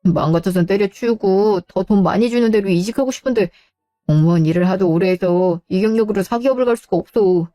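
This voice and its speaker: A woman's voice: mid-range voice, a little fast, mellow, no room sound, clean studio sound, soft background music, natural voice. A woman voicing a grown son in a radio drama, an overworked civil servant who complains in a whiny, defensive way. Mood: whining.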